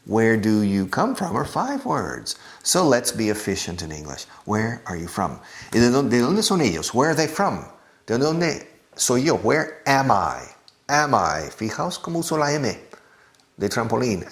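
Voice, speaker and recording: Man as patient English teacher, lively pitch, gravelly, unhurried; repeats words for drilling. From United States. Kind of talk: beginner language lesson.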